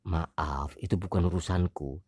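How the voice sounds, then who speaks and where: A woman voicing a weary young husband in an audio story, speaking low and measured. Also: darkish tone, slightly rough, no room sound, clean studio sound, exaggerated voice. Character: weary young husband, calm then heated.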